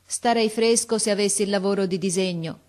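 A woman voicing a cheerful, hardworking young boy who talks in a quick, lively, chatty way in an audiobook reading. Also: mid-range voice, pitched above the performer's own voice, lightly acted. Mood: eager.

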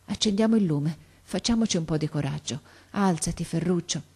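A woman's voice: fairly low pitch, a little fast, dark tone, husky. A woman voicing a frightened old grandmother, trembling and pleading as she reads a story aloud. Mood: tender.

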